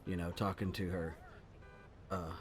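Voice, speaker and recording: A man's voice: low voice, little pitch movement, unhurried, a little hiss or hum. A man hosting a casual comedy podcast, talking in rambling, profane tangents. He is also an impressionist.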